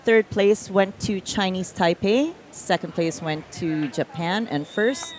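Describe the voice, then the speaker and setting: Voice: medium pitch, slow, a little hiss or hum. A commentator at a live outdoor match who chats, adds stats and asides, and banters with the booth. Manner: chatty, gives stats and asides. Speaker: sports commentator.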